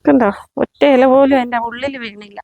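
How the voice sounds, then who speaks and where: A woman with a slightly raised voice talks casually to her viewers while doing yard work. She chats to them as friends as she pulls plants and clears the ground. The sound is from an outdoor home yard, picked up on a handheld camera. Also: fairly high pitch, steady tone, fairly quick, dark tone, highs cut off. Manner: chatty, addresses viewers as friends. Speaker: vlogger. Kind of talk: casual chat while gardening.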